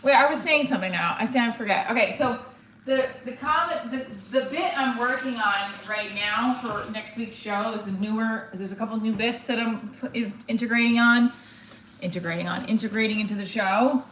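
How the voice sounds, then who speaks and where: Speaking at a moderate pace in a fairly bright, somewhat high voice, this forties-aged comedian livestreamer talks casually and bluntly. She rambles candidly and frequently drops her thoughts midway, against a roomy echo and some background noise.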